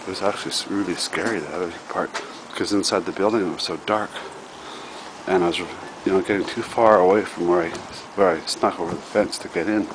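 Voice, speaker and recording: A man filming himself outdoors while exploring an abandoned site, giving a hushed, nervous running commentary and short of breath. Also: sits low, steady tone, fast talker. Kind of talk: handheld exploring vlog. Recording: loud wind noise outdoors.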